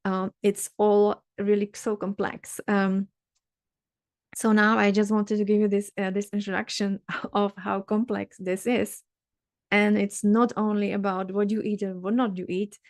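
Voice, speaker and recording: A middle-aged woman from the Czech Republic with a Czech accent, a dermatologist leading a health workshop in a halting, earnest way, with many fillers and restarts. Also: medium pitch, flat delivery, dry recording, clean studio sound. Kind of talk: workshop talk.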